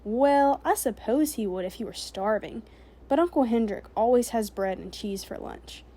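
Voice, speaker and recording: A woman's voice: a little high, normal speed, warm tone. Woman doing a chattering young girl. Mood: chatty. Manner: raised, chattering girlish voice. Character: young Danish girl, quick-witted and stubborn.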